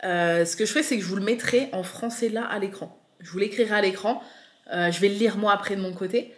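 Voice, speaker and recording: A young woman from France chatting casually in a vlog, gushing and excitable, with lots of fillers. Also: mid-range voice, fast. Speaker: vlogger. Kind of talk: casual unboxing chat.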